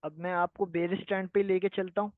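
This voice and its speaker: Brisk and high-sitting, with little movement in pitch, a man's voice guides a live online trading lesson built around viewer questions. He explains patiently and checks often that listeners follow. The sound is dry and tinny, phone-like.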